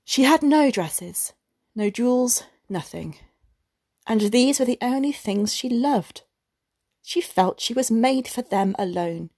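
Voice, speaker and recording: Female narrator for a classic short story; measured and expressive, husky tone, dry. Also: fairly high pitch, dry recording. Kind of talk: scripted narration.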